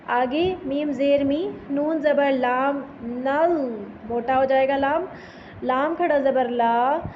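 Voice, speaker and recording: A woman's voice: sits high, highs cut off, slight background noise. A woman teaching Quran recitation, spelling out Arabic letters and vowel marks syllable by syllable and drawing the sounds out for her students. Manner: slow, drawn-out syllable-by-syllable drilling.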